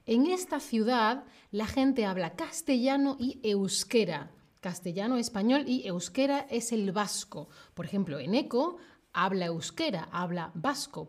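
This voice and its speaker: Slow-speaking southern Spanish woman teacher. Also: mid-range voice. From southern Spain. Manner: slow, clear, repeats clues, laughs often. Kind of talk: live online Spanish lesson.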